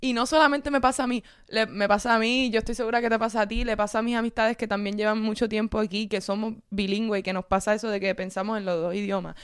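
A woman's voice: mid-range voice, steady tone, quick pace, hardly any pauses, clean tone, no room sound, clean studio sound. A young woman from Cuba living in Miami, speaking Spanish with a Cuban-Miami accent and dropping English words into her sentences in casual chat. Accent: Miami Cuban Spanish with English mixed in. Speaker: content creator.

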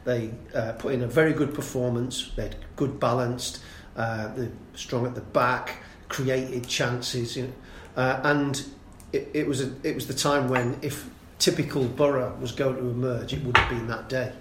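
Man, football pundit, analytical, mid pitch, roomy sound with faint hum. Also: fairly even intonation, moderate pace, hardly any pauses, fairly bright tone. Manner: fluent, analytical storytelling. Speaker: podcast guest, football pundit. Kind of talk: casual football podcast chat. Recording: echoey room with faint ambience.

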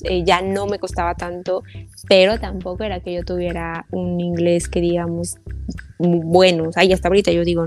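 A young woman chatting as a podcast guest, telling anecdotes in a lively way and acting out her own reactions. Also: lowish voice. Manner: animated storyteller who acts out her own reactions. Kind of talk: casual conversational chat.

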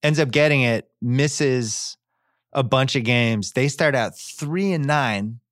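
A man hosting a podcast, telling sports stories in a casual, animated way with wry asides. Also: medium pitch, slow, no room sound, studio quality. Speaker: podcast host.

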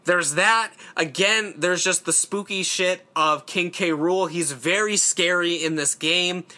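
A young man hosting his own horror channel talks casually and rambles about games, his voice sitting high, unhurried and bright with a forceful tone. This solo commentary is loose and conversational, full of fillers and the odd swear.

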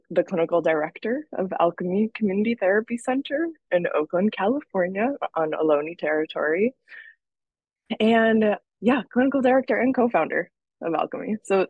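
A woman's voice: medium pitch, fairly quick, husky, no echo, phone-quality sound. A woman from Russia, a therapist guest, chatting casually and laughing often. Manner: chatty, laughs often, lots of fillers and restarts. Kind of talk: casual interview.

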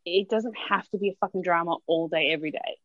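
A woman's voice: lowish voice, fast talker, no echo, dull audio. An Australian woman in casual chat, blunt and profane, rambling with lots of fillers.

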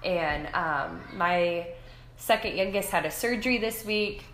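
A woman with a fairly low voice and a Midwestern American accent talks informally as a podcast host. She is chatty and casual, as if catching up with a friend. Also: a little slow, a bit bright, slight background noise. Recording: echoey room sound, music behind intro.

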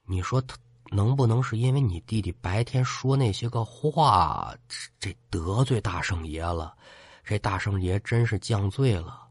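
A man voicing a cautious innkeeper who stammers and speaks in a hushed, confiding way. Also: lowish voice, normal speed, husky, no echo, pitched below the performer's own voice. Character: hesitant, cautious middle-aged male innkeeper.

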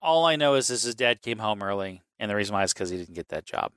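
A man's voice: lowish voice, fast, smooth, no echo. A man co-hosting a casual movie chat, rambling and swearing as he tells scenes. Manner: rambling, profane, animated storytelling. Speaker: podcast co-host.

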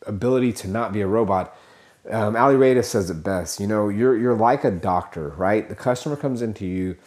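A man with a somewhat low voice talks alone into a podcast mic, coaching car salespeople. He rambles and restarts often, packing in fillers and self-corrections. He keeps a motivational tone and calls his listeners guys. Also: fairly quick, a little mellow. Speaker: podcast host. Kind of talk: casual podcast monologue.

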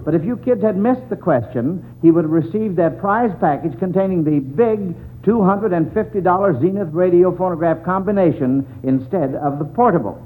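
Casting: male American quizmaster for vintage radio, high voice, folksy classroom patter, narrow-band noisy recording. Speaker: quiz show host. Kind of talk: 1940s radio quiz hosting, reading questions and chatting. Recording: tinny old radio broadcast with noise.

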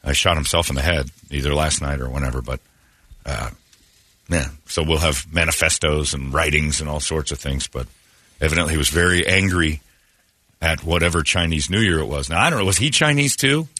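A man's voice: rumbling low, fairly quick, pushed and bright, no echo. A man hosting a radio talk show, giving blunt, opinionated rants in casual studio chat.

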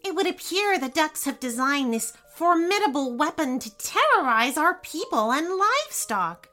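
A woman's voice: high voice, big pitch swings, normal speed, pushed and bright, pitched above the performer's own voice, exaggerated voice. A woman voicing a scheming bread-lord advisor in a storybook, oily and deferential.

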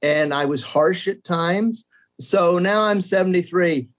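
A man in his seventies with a high-sitting voice speaks a little slowly as a guest scholar in a conversational theology discussion. He works through the question earnestly and reflectively, occasionally poking fun at his younger self.

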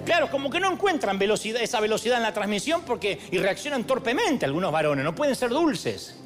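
A man preaches in a stadium, his voice very high for a man, with music playing clearly underneath. He moves from earnest teaching to impassioned, shouted calls to the crowd. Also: sing-song, quick pace. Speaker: pastor. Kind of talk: sermon. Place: large stadium.

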